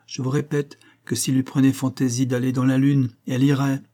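A man's voice: mid-range voice, a little fast, close to an everyday voice. A man reading aloud and voicing a hearty, blustering young husband in an audiobook. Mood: exasperated. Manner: excited, blustering.

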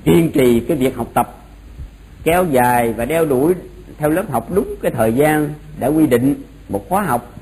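A man's voice: medium pitch, a little mellow, low-quality recording. A man giving an informal explanatory religious lecture, often repeating phrases for emphasis. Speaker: Buddhist monk teaching a doctrine class. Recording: noticeable background noise.

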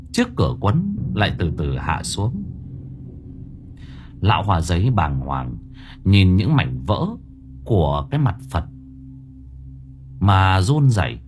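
A man narrating a horror story in a dramatic, expressive way. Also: deep voice. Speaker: audiobook narrator.

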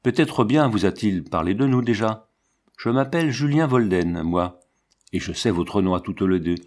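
A man's voice: lowish voice, lively intonation, normal speed, a little mellow, natural voice. A man voicing an eager young boy.

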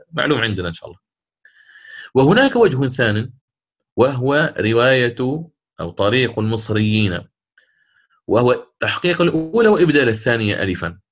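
Man, recitation teacher, middle-pitched voice, patient step-by-step lesson, slow chanted examples. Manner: patient, step-by-step explanation, chants short verse examples slowly. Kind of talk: recorded lesson.

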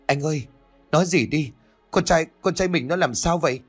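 A man's voice: medium pitch, fairly quick, faint music behind, close to an everyday voice. A man voicing a frantic, grieving young mother who cries and pleads in a breaking voice. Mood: sobbing, pleading. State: crying.

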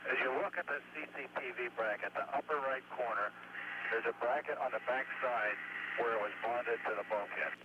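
An astronaut in orbit talking matter-of-factly over a breaking-up space radio downlink, explaining things step by step. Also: male voice, medium pitch, fairly quick. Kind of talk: live air-to-ground radio exchange. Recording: muffled, heavily hissing radio downlink.

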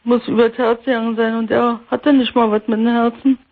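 A woman in her sixties calling in to a radio show, grieving and near tears, speaking haltingly and repeating herself. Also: on the high side, little pitch movement. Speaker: caller. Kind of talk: phone-in call. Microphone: telephone. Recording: tinny phone line.

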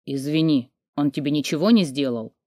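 A woman reading an audiobook voices an ill young man who speaks quietly and wearily. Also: low voice, normal speed, no room sound, clean studio sound, voice pushed down, close to an everyday voice. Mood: weary, soft. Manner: quiet, weary, soft-spoken.

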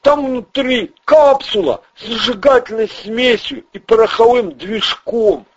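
A man voicing a panicky, pleading red-haired male small-time crook, whiny and shrill. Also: a little slow, a little hiss or hum. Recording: dull lo-fi audio.

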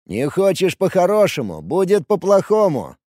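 A man voicing a rough young male gang leader who barks orders in crude slang. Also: high voice, sing-song, moderate pace, darkish tone, no echo, studio quality, pitched above the performer's own voice. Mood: bossy.

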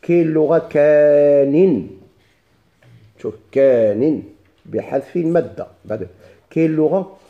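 A man with a Moroccan accent teaching grammar, asking questions and answering them himself and reading quoted text slowly. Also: a little high, animated, gravelly, narrow, tinny audio. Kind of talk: classroom lecture.

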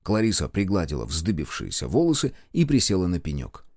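Male audiobook narrator, deep, lively intonation, dry close mic. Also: a little fast, no echo. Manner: expressive storytelling. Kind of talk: scripted narration.

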